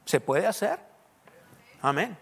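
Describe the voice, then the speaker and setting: A man's voice: high-pitched, big pitch swings, takes it slowly, gravelly, husky. A man, a pastor preaching in a conversational way that rises to emphatic questions. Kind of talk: sermon. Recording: long hall reverb.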